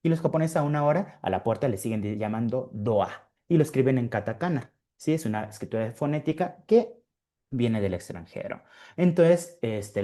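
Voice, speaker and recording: A man's voice: medium pitch, dark tone. A man presenting a webinar lecture, explaining in a conversational way with frequent fillers and tag questions, over a computer microphone. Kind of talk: informal online lecture.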